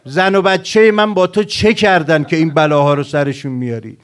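An anguished martyred man cries out in a raised, pleading voice, the words thrown hard and loud. A preacher puts him on in the middle of a mourning sermon. The sound is a preacher's own voice lifted into a lament. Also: on the high side, fairly even intonation, pitched above the performer's own voice, natural voice. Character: martyred man's voice crying out in anguish.

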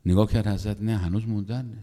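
A middle-aged man preaching a religious sermon, telling a story with emotion, his voice climbing high when he acts out the figures and dropping soft for asides. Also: steady tone. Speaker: cleric preacher. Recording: long hall reverb.

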